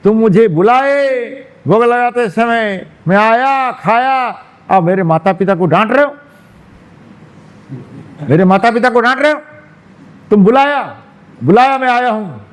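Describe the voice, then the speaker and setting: A man voicing a four-armed divine boy who speaks slowly and solemnly, gently scolding. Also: very high voice, animated, voice pushed up. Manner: slow, solemn, admonishing.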